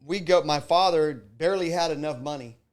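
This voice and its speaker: A man from Mexico and Texas on live talk radio, telling his story in an animated, emphatic way. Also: fairly high pitch, fairly quick. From grew up in Mexico, born in Texas. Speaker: radio show co-host.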